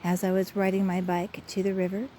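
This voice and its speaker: A guided imagery host and soul coach leads a meditation beside a river, speaking in a soothing, measured way with many pauses. Her voice is medium-pitched, level and mellow. Recorded outdoors on a phone, it carries faint ambient noise from the river.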